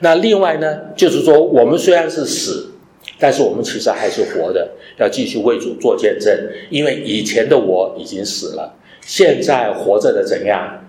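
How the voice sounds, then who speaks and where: A man's voice: medium pitch, animated, moderate pace, darkish tone, a little hiss or hum. A man preaching a sermon, teaching and asking his listeners rhetorical questions, mixing English phrases into his talk. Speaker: pastor. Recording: echoey room.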